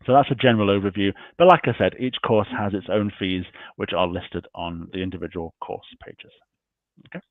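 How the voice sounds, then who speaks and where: A man's voice: fairly low pitch, no room sound. A man presenting university admissions information in an online session, losing his voice and walking through slides point by point. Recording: tinny dry call audio.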